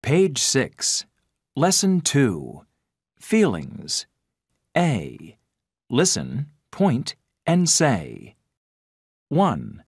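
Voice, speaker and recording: A woman announcing pages and tasks slowly and clearly, as the narrator of a language course recording. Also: very deep voice, wildly swooping pitch, a little mellow, no room sound, studio quality. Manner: slow, clear announcing of page numbers and tasks. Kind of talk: scripted textbook instructions.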